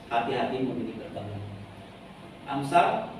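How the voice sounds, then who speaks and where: A man's voice: mid-range voice, big pitch swings, a little slow. A middle-aged man, a pastor, giving an informal, rambling sermon and leading the congregation in reading aloud. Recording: very echoey hall, distant mic, noisy.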